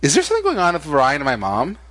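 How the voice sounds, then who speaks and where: A man co-hosting a casual late-night podcast chat, teasing his partner with deadpan jokes. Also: on the high side, very fast, no echo. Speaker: podcast co-host.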